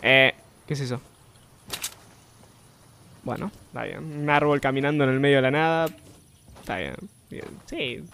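A young man with an Argentine accent, chatting and swearing freely while streaming a game, now and then bursting into shouts. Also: mid-range voice, animated, moderate pace, creaky, pauses often, a little hiss or hum. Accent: Argentine Spanish. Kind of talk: live game commentary.

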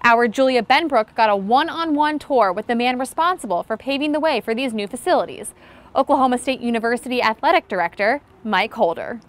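A woman's voice: on the high side, expressive, a little fast. A young woman reporter giving upbeat scripted narration beside a ballfield.

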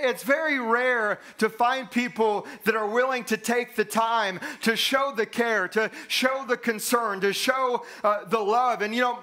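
High, bright-voiced earnest preacher. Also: male voice. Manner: earnest, emphatic, repeats key lines for stress; gestures broadly while walking the stage. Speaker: pastor. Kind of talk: sermon. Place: church stage with stage lighting.

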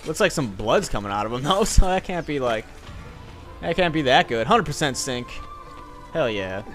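A man's voice: medium pitch, sing-song, normal speed, fairly bright tone, faint music behind. A young man casually commenting on his gameplay, sarcastic and swearing, joking at his own mistakes. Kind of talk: casual let's-play commentary.

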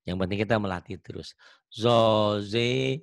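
A man's voice: lowish voice, measured pace, vocal fry, no echo, clean studio sound. A male Quran reading teacher giving an online tajwid lesson, patiently explaining and repeating letter sounds.

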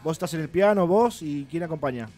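A man's voice: fairly high pitch, animated, brisk, dark tone, faint music behind. A middle-aged Argentine man co-hosting a casual radio interview in the studio, asking easygoing questions. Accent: Argentine Spanish. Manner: friendly, asks questions casually. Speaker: radio host. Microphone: studio mic with headphones.

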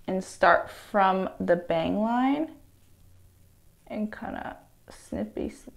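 A young woman vlogging casually while cutting her own hair, chatty and excitable, gasping and squealing in dismay and talking to herself as she goes. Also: mid-range voice, very slow, vocal fry. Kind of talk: casual vlog talk to camera.

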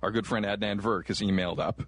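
A man's voice: lowish voice, fast, no room sound. A man co-hosting a sports talk show, bantering casually and joking around with his co-host. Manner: joking, swears freely, laughs a lot.

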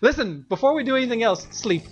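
A man's voice: very high voice, animated, quick pace, lo-fi sound, background noise. A man co-hosting a Let's Play, chatting casually in a rambling, self-mocking way and laughing often. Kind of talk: casual gameplay chat.

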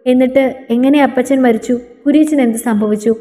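Earnest devout young woman, read by a woman storyteller, higher mellow voice, long reverb. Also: fairly quick, lightly acted. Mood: curious.

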